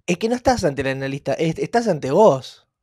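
A man's voice: fairly high pitch, animated, normal speed, a little mellow, dry recording, studio quality. An Argentine man co-hosting a podcast, teasing his partner playfully and laughing often in casual chat. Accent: Argentine Spanish. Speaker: podcast co-host.

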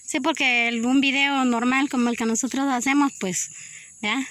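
A chatty, upbeat woman with a slightly high voice hosts a casual interview outdoors on a country road. She films on a phone from behind the camera and keeps showering her guests with praise. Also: fairly even intonation, normal speed, crowd noise. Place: outdoors on a rural dirt road.

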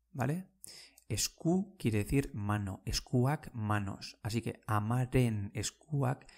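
A man's voice: medium pitch, a little mellow. A man giving a casual language lesson, explaining words patiently and often checking in with his listeners. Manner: explains slowly, repeating words and checking in with "¿vale?". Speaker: Basque language teacher.

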